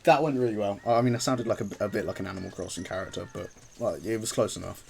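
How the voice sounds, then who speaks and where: A man's voice: deep voice, steady tone, fast talker, gravelly, background noise. A man streaming a video game with rambling, chatty commentary that often breaks off mid-sentence. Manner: rambling, chatty, self-interrupting. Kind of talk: casual gameplay commentary. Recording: background music under voice.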